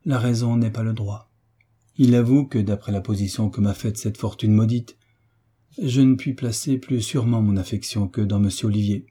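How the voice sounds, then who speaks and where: A man's voice: fairly low pitch, warm tone, husky. A man reading the part of a young orphaned heiress who pleads earnestly in a storybook reading. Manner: earnest, imploring.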